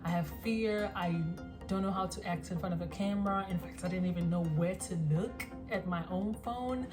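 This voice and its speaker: With music playing in the background, a twenty-something South African vlogger introduces herself on a phone recording. Her pitch is fairly low, and her talk rambles self-consciously with frequent ums and pauses.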